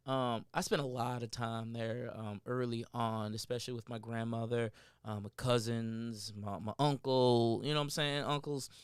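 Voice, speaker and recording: A man from South Carolina, co-hosting a relaxed chat, rambling and repeating himself as he talks. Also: medium pitch, moderate pace, clean tone, dry recording, studio quality. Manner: rambling, repeats words, says "you know what I'm saying". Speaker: podcast co-host. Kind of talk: casual chat.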